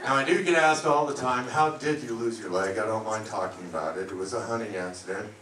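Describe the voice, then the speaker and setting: Deadpan stand-up comedian in echoey club. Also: male voice, lowish voice, brisk, far from the mic. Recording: echoey club, mic heard from afar, loud noise. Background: audience laughter.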